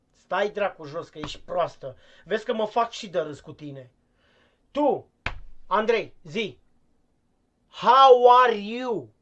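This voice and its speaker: A man's voice: high-pitched, fairly bright tone. A foul-mouthed, impatient English teacher who barely knows the language, as a man puts him on in a comic stream sketch. He scolds, swears and stammers through the lesson. The sound is dull and lo-fi. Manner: scolding, cursing, stumbling over words.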